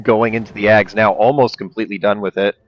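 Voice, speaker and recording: A man doing live play-by-play esports commentary, excitable, with his voice climbing as the action builds. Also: lowish voice, fast talker, rough recording.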